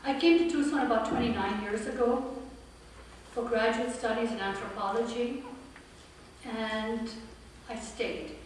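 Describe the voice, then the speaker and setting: A woman's voice: a little high, fairly even intonation, unhurried, long pauses, distant mic, a little hiss or hum. Woman in her fifties, echoey hall speech. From India and Pakistan. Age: 50s. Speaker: political candidate. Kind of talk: campaign speech. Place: forum room with an audience.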